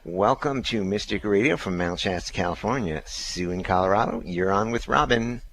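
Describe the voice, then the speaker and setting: Deep-voiced man radio co-host. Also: normal speed. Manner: even, steady reading of promos. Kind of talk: radio announcing.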